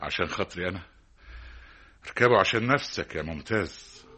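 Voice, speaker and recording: A man's voice: low-pitched, lively intonation, fairly quick. An actor with an Egyptian accent playing a stern, hardworking middle-aged father who lectures his son with rhetorical repetition, in a classic radio drama. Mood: insistent. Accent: Egyptian Arabic.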